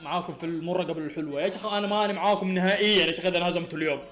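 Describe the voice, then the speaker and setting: A man, reacting live to a football match, excitable and exasperated, often laughing. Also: high-pitched, racing, reverberant.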